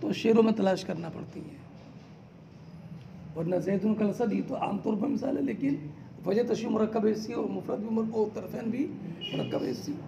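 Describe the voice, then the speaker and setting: A man teaching a class, explaining slowly term by term, asking his students question after question and calling them "beta". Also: high voice, gravelly, muffled recording, background noise. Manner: quizzes students with repeated questions; addresses listeners as "beta". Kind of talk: classroom lecture.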